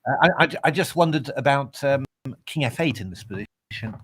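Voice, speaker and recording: A man's voice: mid-range voice, expressive, brisk, a bit bright, husky. A man commentating live on a chess game in a casual way, hesitating with lots of fillers and restarts.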